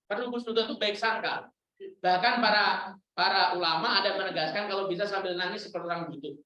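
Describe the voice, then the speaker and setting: A man preaching a sermon, answering questions and dropping into a hushed low voice to act out prayers. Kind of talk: Islamic sermon with Q&A. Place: school hall. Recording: echoey hall, dull lo-fi sound.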